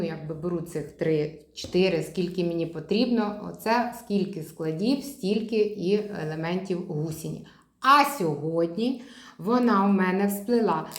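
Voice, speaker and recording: A woman speech therapist giving a chatty demonstration lesson, showing toys as she explains and modeling syllables with slow, stretched repetition. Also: lowish voice. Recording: echoey room.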